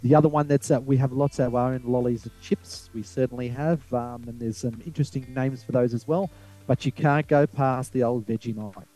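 A man's voice: medium pitch, steady tone, brisk, mellow, soft background music, rough recording. A man with an Australian accent answering informally as an interview guest, enthusiastic and explanatory.

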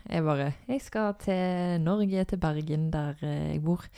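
A woman's voice: low voice, warm tone, clear, resonant tone. A young woman hosting a casual conversation about faith, telling stories with lots of fillers and hesitations. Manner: storytelling with many fillers.

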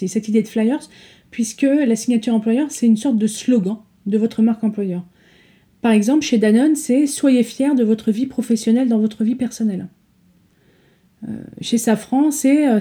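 A woman's voice: on the high side, mellow. A woman hosting a solo podcast, explaining step by step with frequent fillers and self-corrections. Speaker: podcast host.

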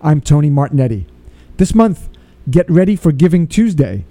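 A man's voice: a little high, very animated, mellow. A man hosting a podcast in a studio, introducing his guest and asking brief questions. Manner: brisk, with short acknowledgements. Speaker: podcast host. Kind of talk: interview.

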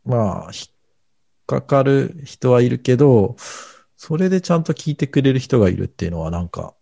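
A man's voice: mid-range voice, animated, normal speed, vocal fry, warm tone, no echo. A middle-aged man co-hosting a casual podcast, talking in a hesitant, rambling way full of fillers. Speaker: podcast co-host.

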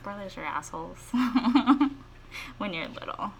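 A woman's voice: mid-range voice, animated, slow pace. A young woman co-hosting a casual podcast, giggly and rambling, with lots of filler words. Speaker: podcast co-host. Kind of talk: casual chat.

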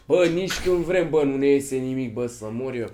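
A man's voice: medium pitch, a loud crowd. A man co-hosting a podcast in casual chat, swearing a lot and laughing often. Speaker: podcast co-host.

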